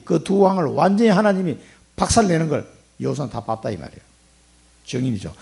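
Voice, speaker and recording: A man's voice: a little high, creaky, darkish tone. A middle-aged man preaching a sermon in church as pastor, asking the congregation rhetorical questions. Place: church sanctuary.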